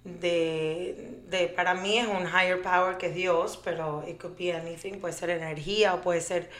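A woman's voice: lowish voice, fairly even intonation, a little slow, fairly bright tone. A woman, chatting as an interview guest and dropping English phrases. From Venezuela. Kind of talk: conversational interview.

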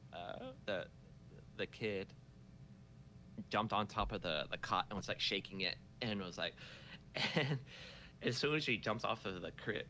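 A man's voice: lowish voice, pushed and bright, slight background noise. A man recounting a family story in casual conversation, laughing often and restarting his sentences.

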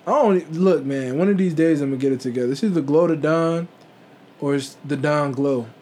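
A man's voice: fairly high pitch, brisk, mellow. A man co-hosting a podcast in casual, comedic chat, slangy and jokey, leaning on repeated catchphrases. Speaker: podcast co-host.

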